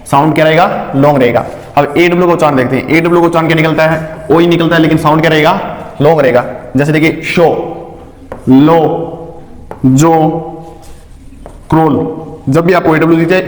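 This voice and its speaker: Guy teaching phonics, quizzes himself then answers, spells stuff out slow, kinda high voice, roomy echo. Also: flat delivery. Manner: asks and answers his own questions; spells words out slowly letter by letter. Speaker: English teacher. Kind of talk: phonics lesson. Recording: echoey room with long reverb.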